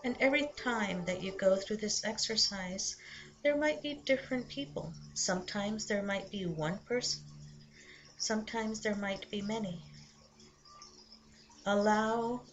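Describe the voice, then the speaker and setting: A woman narrates a guided meditation in a soothing, measured manner, with lingering pauses between short phrases. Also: mid-range voice. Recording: muffled lo-fi sound under loud music. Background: loud background music.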